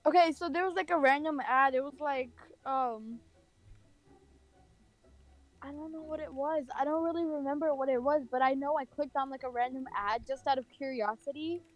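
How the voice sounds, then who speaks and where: A rough recording captures a young woman from California telling a personal story in a loose, rambling way, heavy on "like." Her voice sits high and her pace is moderate.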